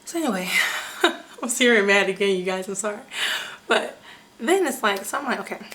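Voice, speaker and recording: A woman's voice: mid-range voice, expressive, fairly quick, fairly bright tone, rough recording. A young woman vlogger telling a personal story to her viewers in a candid, chatty way, with lots of fillers. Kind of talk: casual storytelling to camera.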